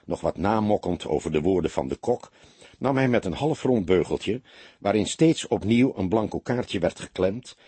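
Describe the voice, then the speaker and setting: Man, audiobook narration, measured, husky, lowish, dry close sound. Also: dry recording. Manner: measured, expressive reading. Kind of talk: scripted narration.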